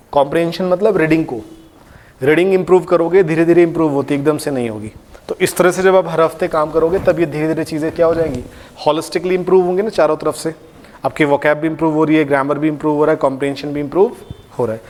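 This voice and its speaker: A man's voice: fairly high pitch, fast talker, a little mellow, in a large hall. A male English teacher, giving a classroom vocabulary lecture and drilling each word by saying it aloud several times. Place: classroom with a board.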